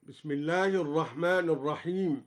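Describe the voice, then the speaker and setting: A man who is a Quran recitation scholar, explaining the differences between readings and chanting each verse as an example in a measured, melodic way. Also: a little high.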